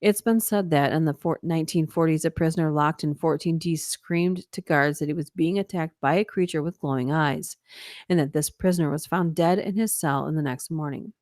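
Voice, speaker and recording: A low-pitched woman hosts a late-night livestream, reading ghost stories aloud with chatty asides as her voice grows worn and tired. Her steady reading breaks into quick, laughing remarks, and the sound is clean studio quality with no room sound.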